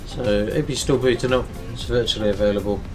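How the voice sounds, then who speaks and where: A man narrates casually to his viewers as a flight sim streamer. His pitch is middling, and cabin hum and music sit under his voice. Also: steady tone, fairly quick, darkish tone. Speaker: streamer flying a flight simulator. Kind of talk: casual running commentary to viewers.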